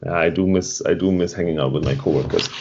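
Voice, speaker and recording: A man's voice: sits low, fast talker, darkish tone. A man co-hosting an online meetup stream, chatting casually and rambling as he reads and answers the chat. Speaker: meetup co-host. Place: home. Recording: dull lo-fi stream audio.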